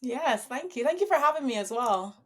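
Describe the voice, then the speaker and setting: A young woman from Barbados, a professional dancer, telling her story as an interview guest, upbeat and quick to laugh. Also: high-pitched, lively intonation, fairly bright tone, slightly rough. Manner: upbeat, laughs easily while telling stories.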